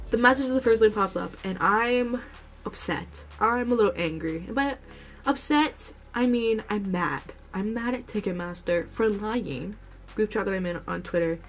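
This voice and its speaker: A young woman vlogger casually retelling a story to camera in a chatty, expressive way. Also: mid-range voice.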